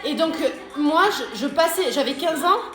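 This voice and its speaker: High-voiced French-speaking woman coaching a workout. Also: lively intonation, moderate pace. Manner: chatty, joking, gives exercise cues between comments. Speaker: fitness coach. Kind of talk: live workout coaching while reading chat. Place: at home. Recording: roomy room with music playing. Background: workout music.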